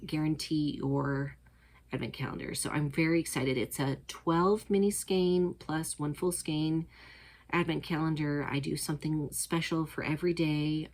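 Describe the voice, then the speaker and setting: Woman host, low pitch, middle-aged, warm chatty delivery with lots of ums; casual knitting-show talk. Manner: chatty, enthusiastic, many fillers. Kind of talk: casual chat to camera.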